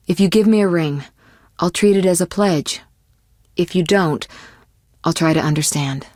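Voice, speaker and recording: This scripted video game line features a poised young sorceress whose lowish voice is captured dry and close, without room sound. She's calm and measured, gently chiding in articulate phrases, and sounds worldly and caring yet teasing and possessive.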